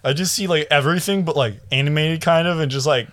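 A man's voice: on the high side, quick pace, a bit bright. A young American man chatting casually as a podcast guest, with a sweary frat-bro manner full of slang. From Florida, United States. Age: young adult.

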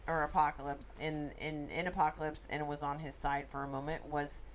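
Woman, very low voice, casual chat, opinionated, faint background noise. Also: little pitch movement, brisk. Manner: opinionated, swears. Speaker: movie discussion participant.

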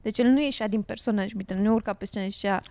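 A woman talking in a casual podcast chat, chatty and measured. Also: medium pitch, darkish tone, dry recording.

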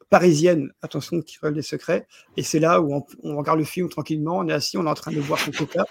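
In a casual film review chat, a podcast co-host with a fairly high, creaky and slightly rough voice stumbles over his words, repeats them frequently and chuckles as he talks. The recording is dry.

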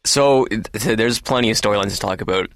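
A man's voice: lowish voice, quick pace, no room sound, clean studio sound. A man hosting a casual sports podcast, blunt and steering the discussion. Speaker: podcast host.

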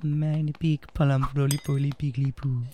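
A woman's voice: extremely low pitch, flat delivery, moderate pace, background noise. A woman playing a doting queen with a heavy German accent who gushes pet names. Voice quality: gushing, doting.

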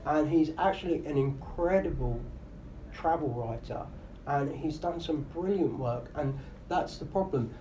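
Answering podcast interview questions, a man who works as a comedian and radio host talks casually and thoughtfully, leaning on fillers. His voice is fairly high with a dark tone and a slightly slow pace, and the live-room recording is rough with faint noise.

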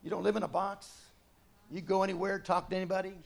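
A middle-aged man preaching a sermon in a conversational way, dropping to quiet asides and rising to loud, emphatic points. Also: high voice, flat delivery, fast talker, gravelly. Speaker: pastor.

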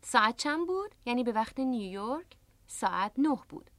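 A woman's voice: a little high, big pitch swings, a bit bright, no room sound. A woman hosting a radio language lesson, explaining words patiently into a close studio microphone. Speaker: English teacher and radio host.

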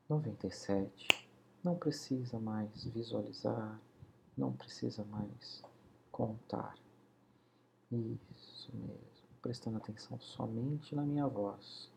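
Man, hypnosis guide, slow soothing delivery, dark gravelly voice, drops to whispers, faint hiss. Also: fairly low pitch. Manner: slow, soothing, drawn-out counting, often near a whisper.

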